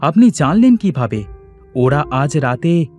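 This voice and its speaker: A man's voice: a little high, very animated, measured pace, a little mellow, faint music behind. An actor voicing an eager, earnest male villager in a cartoon. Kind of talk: cartoon voice acting.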